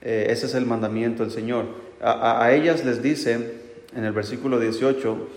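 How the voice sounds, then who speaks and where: A man gives a sermon in an easy, talking-to-you way, keeping his questions and asides going with the congregation. His mid-pitched voice rings out through a large room with a long, roomy reverb. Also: fairly even intonation, moderate pace, a little mellow. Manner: plain, talks straight to the men, keeps asking "¿verdad?" and "¿sí?". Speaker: preacher. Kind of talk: conversational sermon. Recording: echoey hall reverb.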